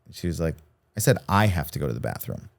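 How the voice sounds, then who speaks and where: A man's voice: extremely low pitch, fast talker, vocal fry. A man co-hosting a podcast in casual chat, telling stories and acting out the voices of the people in them. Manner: animated storyteller, acts out quoted voices. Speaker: podcast co-host, stand-up comic.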